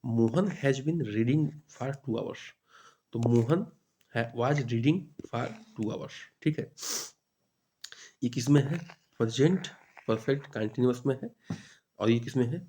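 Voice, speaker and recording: A man with a middling pitch runs through exam questions for a teacher-training course. He reads the sentences deliberately, then explains them in Hindi in a steady teaching manner, over a faint hiss of background noise. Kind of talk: exam-prep grammar lesson.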